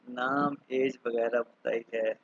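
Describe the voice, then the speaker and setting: A man in his thirties from Pakistan teaching an online German class, patiently repeating words slowly for pronunciation. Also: medium pitch, little pitch movement, muffled recording. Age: 30s.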